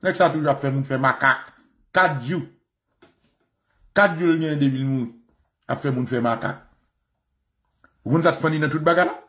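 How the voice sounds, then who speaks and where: A man with a Haitian accent preaching an animated sermon, repeating phrases and slipping into mock voices. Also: on the high side, normal speed, long pauses. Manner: animated, repetitive, often slips into mock voices.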